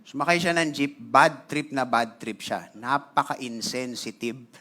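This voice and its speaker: Filipino male pastor, lively conversational sermon storyteller, bright tone, frequent throat-clearing. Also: medium pitch, unhurried. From Philippines. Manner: animated, conversational, switching between Tagalog and English; clears his throat often.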